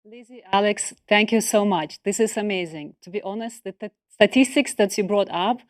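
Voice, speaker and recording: A woman's voice: medium pitch, dry recording, studio quality. Enthusiastic woman hosting an online event. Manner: enthusiastic, halting with slips and laughs. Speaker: event host.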